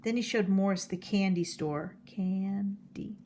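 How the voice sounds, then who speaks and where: A woman reading a children's picture book aloud, telling the story slowly and clearly. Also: medium pitch, dark tone, slight background noise. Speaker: storybook reader.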